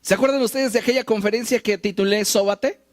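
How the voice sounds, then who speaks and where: A man preaching a sermon, animated and wry, acting out the quoted lines he tells. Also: high voice, fast. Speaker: pastor.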